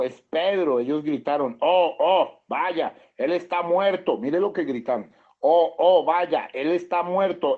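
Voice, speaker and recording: A male Colombian pastor delivers a sermon in a voice pitched a little high. He reads passages aloud and breaks in with short asides and questions. The church recording is dull and lo-fi. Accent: Colombian Spanish. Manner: reads quotes aloud, then comments with chuckles and questions. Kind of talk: sermon reading and commenting on scripture. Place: church hall.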